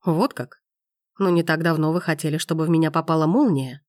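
A woman's voice: sits low, a little mellow, no echo, clean studio sound, lightly acted. Woman doing a mocking, probing man. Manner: measured, teasing questions.

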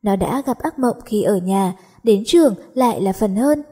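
A woman narrating a story as an audiobook reader, in steady storytelling. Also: medium pitch, moderate pace, slightly rough. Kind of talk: audiobook narration of a teen romance.

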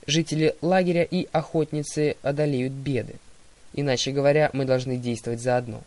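A man's voice: medium pitch, fairly even intonation, brisk, darkish tone, lightly acted. A man voicing a blunt, grumbling teenage girl demigod.

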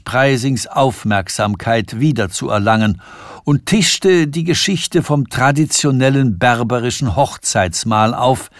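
A man reading a novella aloud in a measured, expressive style for radio. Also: medium pitch, dry recording, clean studio sound. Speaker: audiobook reader. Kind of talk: scripted literary narration. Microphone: studio microphone.

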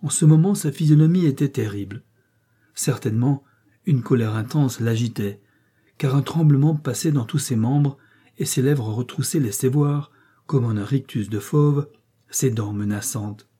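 Dark, husky-voiced male audiobook narrator. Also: mid-range voice, normal speed. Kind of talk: scripted narration of an adventure novel.

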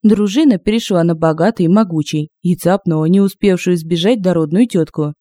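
A woman narrating a humorous fantasy audiobook in a lively, expressive way on a close home mic. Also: fairly low pitch, brisk, dry recording. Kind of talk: scripted narration. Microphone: close mic, home recording.

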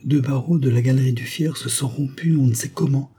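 A man's voice: mid-range voice, brisk, mellow, husky, pitched above the performer's own voice. A man voicing a chattering village woman. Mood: eager telling. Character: simple village woman, excited gossiping bearer of news.

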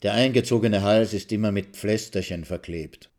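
Low calm guy reading a short story, steady and measured. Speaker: reader of a short story on radio. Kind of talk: literary reading.

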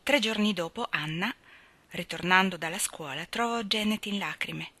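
A woman reading a novel aloud as an audiobook narrator, telling the story in a measured, clear way. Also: on the low side, pushed and bright, dry recording. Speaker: audiobook reader.

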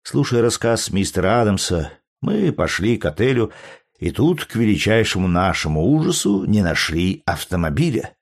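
A man reading a travel story aloud as narrator, in a measured, lightly dramatic way. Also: fairly low pitch, sing-song. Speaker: audiobook reader. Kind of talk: scripted narration.

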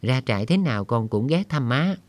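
A man's voice: medium pitch, expressive, a little fast, no room sound, voice pushed up, lightly acted. A man reading an audiobook voices a young male prisoner who speaks with eager, pleading politeness to an old mother.

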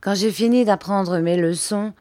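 A woman reading a classic novel aloud as an audiobook narrator, measured and expressive. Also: mid-range voice, no echo.

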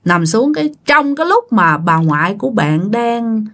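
Woman, southern vietnamese accent, casual ghost story, talks to listeners, animated, higher pitch. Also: normal speed. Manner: chatty, addressing listeners directly.

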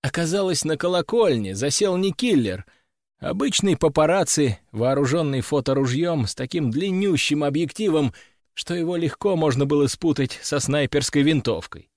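A man's voice: fairly high pitch, lively intonation, moderate pace, darkish tone, no room sound. Man narrating an audiobook, dry close sound. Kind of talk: first-person audiobook narration.

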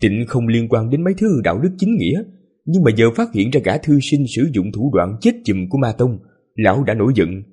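A man with a hoarse voice narrating a serialized story as the channel host, in a relaxed, chatty way. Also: medium pitch, a little fast. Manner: relaxed, chatty asides with fillers.

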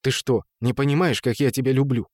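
A man's voice: medium pitch, steady tone, a little fast, a little mellow, no room sound, close to an everyday voice. Male reader doing young prince, earnest, plainspoken, pleading, dry close read. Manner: pleading, straightforward.

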